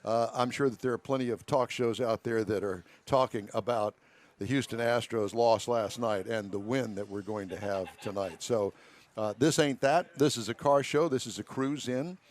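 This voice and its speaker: Folksy male radio host, mid-pitched. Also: moderate pace. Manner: folksy, jokey, rambling. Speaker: radio car show host. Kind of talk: casual live radio chat. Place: live remote broadcast at a car show. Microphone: broadcast headset.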